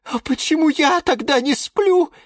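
A reader doing Limon Filimon, shrill frantic lemon tree. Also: measured pace, dry recording, studio quality. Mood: indignant. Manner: shrill, frantic, often shouting or hissing. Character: fussy male lemon tree, anxious and scolding. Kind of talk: children's audiobook reading.

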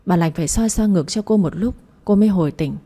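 A woman narrating an audiobook family drama in a steady reading voice. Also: fairly low pitch, quick pace. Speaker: storyteller.

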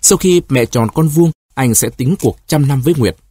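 A man's voice: mid-range voice, moderate pace, mellow, slightly rough, no echo, clean studio sound, close to an everyday voice. A man voicing a fickle young lover who soothes and reassures, with a placating manner in an audio story.

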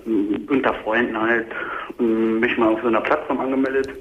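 A young man in his twenties phones in from his car, hesitant and halting as he talks. His voice comes over a narrow, tinny line that sounds like a speakerphone, with a hollow echo. A faint hiss sits underneath. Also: mid-range voice, level tone. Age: 20s. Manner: hesitant, many filler sounds. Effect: caller on a phone line that sounds like a speakerphone. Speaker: caller. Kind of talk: caller recounting his story.

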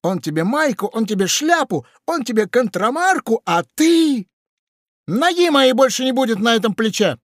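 A man's voice: very high voice, sing-song, normal speed, no room sound, clean studio sound, pitched above the performer's own voice, exaggerated voice. A man doing a squawky grumpy parrot. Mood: indignant. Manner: squawking, indignant. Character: grumpy sharp-tongued talking parrot.

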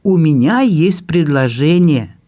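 A man reading an audiobook and voicing a gentle older brother who speaks softly and jokes kindly. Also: fairly high pitch, lively intonation, takes it slowly. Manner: soft, kindly, gently joking.

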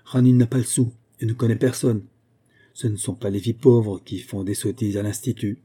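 Knowing schoolmistress, read by a man, lecturing, dark, husky, storybook. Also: on the low side, steady tone, moderate pace. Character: shrewd, impatient woman class mistress.

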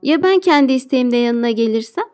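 A woman voicing Keloğlan, a clever, cheeky young boy, speaking slowly and politely with a sly edge. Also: high-pitched, lively intonation, darkish tone.

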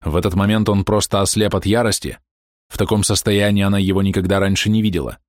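A man reading a novel aloud in measured audiobook narration. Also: deep voice, steady tone, darkish tone, no echo, studio quality.

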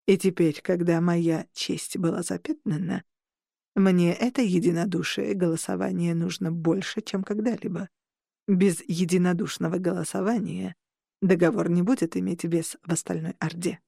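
Brief: woman voicing a proud alien matriarch, flat and formal, dry close sound. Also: on the low side, moderate pace, gravelly, no echo. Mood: grave. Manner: stiff, formal, lifeless.

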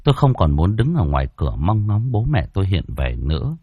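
A man's voice: low-pitched, big pitch swings, brisk, no room sound, phone-quality sound. A man narrating a first-person ghost story dramatically.

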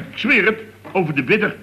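A man's voice: sits high, sing-song, moderate pace, sharp tone, muffled recording, slight background noise, exaggerated voice. A man playing a put-upon, grumbling character in a 1960s radio comedy sketch, who rambles and stammers as he tells his story. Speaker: worker at a building firm.

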